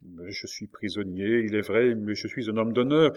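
A man reading an audiobook, voicing a melancholy, heartbroken prisoner who pleads sorrowfully, in a low voice. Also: moderate pace, darkish tone, muffled recording, close to an everyday voice. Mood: pleading.

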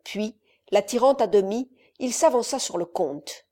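Female audiobook narrator, measured and expressive, warm dark tone. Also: medium pitch.

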